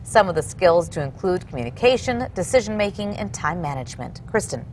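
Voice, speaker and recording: A woman's voice: on the low side, very animated, brisk, darkish tone, slight background noise. A woman working as a news anchor, reading scripted television news stories.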